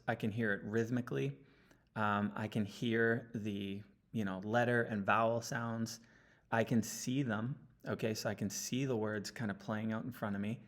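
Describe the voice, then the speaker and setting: A man talking through an audio analysis step by step, often checking in with a quick "okay?". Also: mid-range voice. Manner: explanatory, checks in with frequent "okay?". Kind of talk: screen-recorded audio analysis walkthrough. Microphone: computer mic, sitting close.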